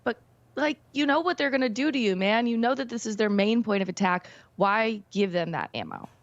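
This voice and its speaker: A woman's voice: fairly high pitch, a little fast, no room sound, dull audio. A woman commentating as a guest on a news panel, arguing her points emphatically in casual wording. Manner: emphatic and argumentative, casual phrasing.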